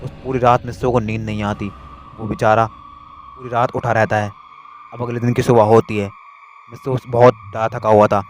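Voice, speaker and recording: Guy telling a scary story super fast, flat voice, faint music behind. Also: on the low side. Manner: hurried, repetitive telling. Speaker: narrator. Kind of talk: storytelling narration.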